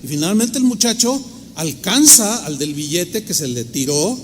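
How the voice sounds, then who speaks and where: A man's voice: high-pitched, expressive, normal speed. Mexican pastor man preaching, tells stories, long echo and faint hiss behind. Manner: emphatic, acts out quoted voices. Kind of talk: storytelling sermon. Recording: reverberant hall, faint noise.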